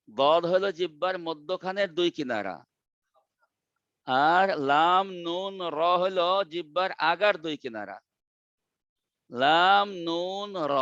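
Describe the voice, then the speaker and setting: Slow-paced male Quran teacher drilling letters. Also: on the high side, fairly bright tone, no room sound, highs cut off. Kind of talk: online Quran pronunciation lesson. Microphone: video call.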